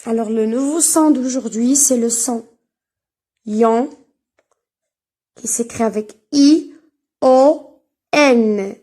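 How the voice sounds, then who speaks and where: A woman with a high voice leads an early reading lesson. She talks very slowly and lingers on each syllable. Her enunciation is careful and deliberate, and she repeats each sound for young learners. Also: dark tone. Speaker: teacher.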